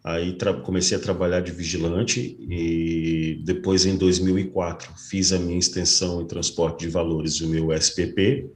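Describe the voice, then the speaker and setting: A man's voice: low-pitched, level tone, normal speed, few pauses, a little mellow, reverberant. A man, a security guard telling his story earnestly as a guest in an interview. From Brazil. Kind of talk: casual interview.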